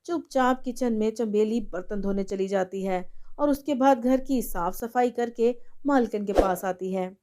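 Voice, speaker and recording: A woman tells a cartoon story in a steady, even narration. Her voice is a little high and has a mellow, unbright tone. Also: a little slow.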